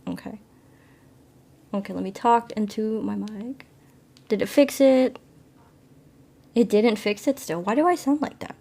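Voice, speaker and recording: A woman's voice: mid-range voice, a little slow, gravelly, long pauses, dark tone. A woman live streaming from her phone with a plugged-in mic, chatting apologetically with viewers and reading a story game aloud. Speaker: livestreamer.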